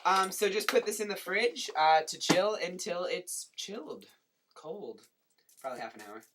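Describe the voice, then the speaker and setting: A cooking show host giving a jokey home cooking demo in a kitchen, talking with playful asides and deadpan jokes. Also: mid-range voice, moderate pace, noisy background.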